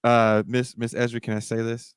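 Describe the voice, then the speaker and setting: A man's voice: mid-range voice, monotone, normal speed, clear, resonant tone, no echo, clean studio sound. A man talking brashly in casual podcast chat, joking and swearing freely. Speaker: guest.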